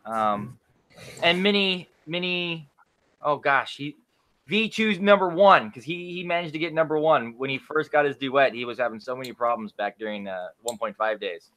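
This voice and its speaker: A man's voice: a little high, normal speed, bright, forceful tone. A man hosting a casual group video chat, chatty and stumbling over restarts.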